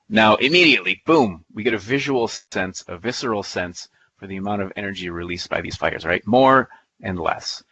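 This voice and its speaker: A man giving a live software demonstration in a playful, folksy way, thinking aloud as he clicks through the steps. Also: on the low side, gravelly, lo-fi sound. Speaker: presenter. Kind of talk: live software demo talk.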